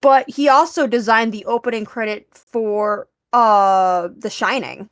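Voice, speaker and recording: A woman's voice: fairly high pitch, measured pace, no room sound, clean studio sound. A woman co-hosting a podcast, chatting eagerly about films with lots of fillers. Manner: chatty, enthusiastic, many fillers. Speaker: podcast co-host. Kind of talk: casual film discussion.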